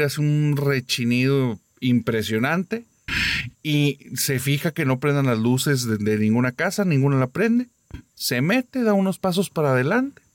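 A man's voice: medium pitch, no echo, clean studio sound. Man telling a ghost story. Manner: casual, lively retelling with many quoted voices. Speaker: podcast storyteller. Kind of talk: retelling a listener's ghost story.

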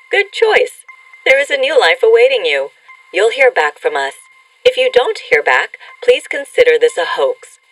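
Cool answering-machine greeting over a landline phone. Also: female voice, on the low side, fairly bright tone. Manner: measured, formal recorded message. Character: calm female agency answering-machine voice. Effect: answering-machine greeting played over a landline phone. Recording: distant, faintly noisy phone line.

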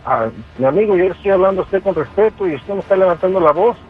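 A man's voice: high-pitched, fast talker, over music. A man working at a shop who answers the phone politely and grows firm when he is insulted. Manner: polite customer-service tone, growing firm. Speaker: prank call target, butcher shop worker. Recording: muffled phone line.

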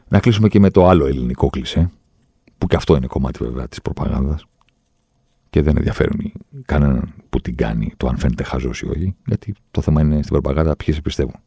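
Man, low voice, dry close sound, insistent explainer. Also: dark tone, slightly rough, no echo. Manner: explains rules insistently, acts out quoted voices. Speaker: football refereeing commentator. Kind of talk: opinionated talk-show monologue.

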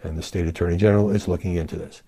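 A man's voice: deep voice, fairly even intonation, very fast, warm tone, slightly rough. A middle-aged man from Brooklyn hosting a news media show, giving emphatic, conversational commentary. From Brooklyn, New York.

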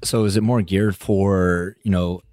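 A male interview host with a West Texas accent talks in a casual, salty, informal way. The voice is deep and stays quite level, with a dry, close sound. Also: steady tone, unhurried, darkish tone, no room sound. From West Texas, United States.

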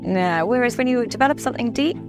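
A woman explains relationship dynamics with calm assurance, stepping into quoted thoughts to make her point. Music plays clearly behind her voice. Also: on the high side, fast. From Dubai. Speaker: podcast guest. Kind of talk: relationship advice in interview.

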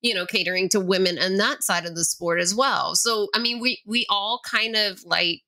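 A woman's voice: medium pitch, normal speed, bright, forceful tone. A woman hosting an interview podcast, talking in a loose, rambling way with many fillers. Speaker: podcast host. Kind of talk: casual interview chat.

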